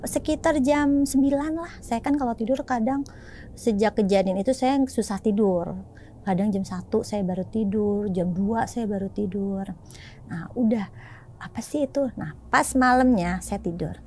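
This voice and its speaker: A woman from Indonesia casually retelling a personal experience, acting out the dialogue in raised, animated voices. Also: a little high, measured pace, slight background noise. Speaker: storyteller sharing a personal experience.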